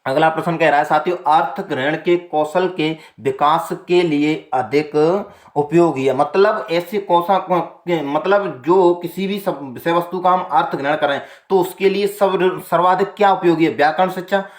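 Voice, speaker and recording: A male teacher running an exam-prep lesson, going through multiple-choice questions one by one. He keeps calling his listeners "my companions" and says each answer twice, slowly. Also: fairly high pitch, echoey room. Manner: repeats the answer twice, slow and deliberate.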